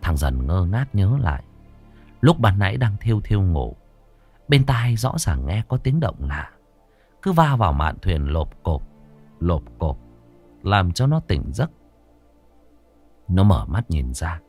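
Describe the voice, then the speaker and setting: A man tells a ghost story in a low, dramatic voice. His pitch rises and dips with lively expression. Faint music sits quietly beneath him. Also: unhurried, pauses often, husky. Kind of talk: scripted horror narration.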